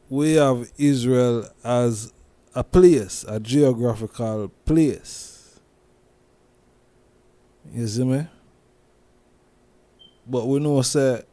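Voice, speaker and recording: A Jamaican man hosting a loose commentary monologue, speaking slowly with a mellow, warm tone. He circles back on his words, restarts and repeats phrases often. The sound is dry and close. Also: mid-range voice, no room sound. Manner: slow, repetitive, with many restarts and "you see me?". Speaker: host.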